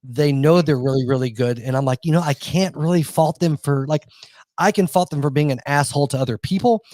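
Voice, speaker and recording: A man's voice: fairly high pitch, brisk, darkish tone, dry recording. A man hosting a podcast, rambling and swearing casually with lots of restarts and laughs. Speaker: podcast host.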